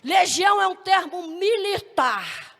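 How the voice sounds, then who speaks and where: Woman pastor, high gravelly voice, emphatic testimony sermon in a reverberant hall. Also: lively intonation, slow pace. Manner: emphatic, often rising to shouts.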